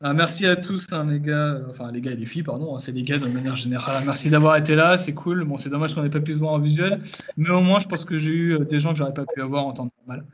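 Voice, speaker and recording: A man's voice: fairly high pitch, fast talker. A young man chatting casually on a remote call, with a joking, teasing, colloquial way of talking. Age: young adult. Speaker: newly qualified doctoral candidate thanking attendees. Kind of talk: casual chat. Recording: muffled video call audio, faint noise.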